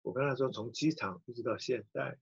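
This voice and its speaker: A middle-aged man, a pastor, telling a personal story in a sermon with a husky voice. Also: medium pitch, a little fast, highs cut off. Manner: animated storyteller acting out quoted voices.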